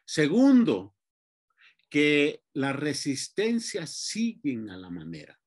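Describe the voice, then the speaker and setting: Lecturing man, somewhat high voice. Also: huge pitch swings. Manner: unhurried lecturing with frequent fillers and restarts. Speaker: panelist. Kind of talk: academic talk.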